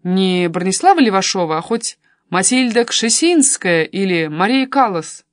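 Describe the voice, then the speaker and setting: A woman's voice: mid-range voice, lively intonation, normal speed, no room sound, studio quality, natural voice. A woman reading a pushy, coaxing cousin. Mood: persuasive. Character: pushy young adult man, the narrator's cousin. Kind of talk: audiobook reading.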